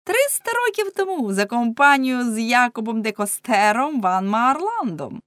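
A woman voicing a plump, brash young woman who teases loudly. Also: a little high, big pitch swings, normal speed, no echo, studio quality, voice pushed up. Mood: teasing.

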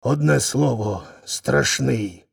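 A man voicing a humbled, frightened male lion in a folk tale reading, with a gravelly, husky voice. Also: medium pitch, takes it slowly, heavily acted. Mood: scared, gloomy. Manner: gloomy, whispering in fear.

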